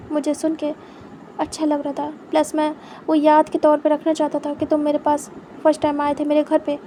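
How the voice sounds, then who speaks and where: Woman doing a quiet reserved young man, soft-spoken, high voice, flat and even, storybook telling. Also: slight background noise. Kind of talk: storytelling fan fiction aloud.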